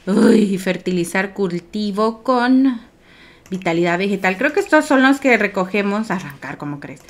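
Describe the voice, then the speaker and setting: A woman giving casual let's play commentary, talking to herself and her viewers, rambling and breaking into high squeals over cute things. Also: lively intonation, moderate pace. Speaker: game streamer.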